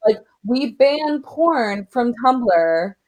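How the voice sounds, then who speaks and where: A young American woman from Oklahoma in casual, opinionated conversation, halting and full of fillers but emphatic. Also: on the high side, expressive, darkish tone. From Oklahoma, United States.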